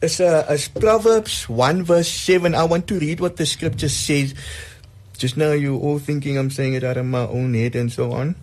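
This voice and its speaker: A man's voice: a little high, moderate pace, darkish tone. A man with a South African accent giving casual devotional talk, earnest and emphatic, repeating words to drive his point home.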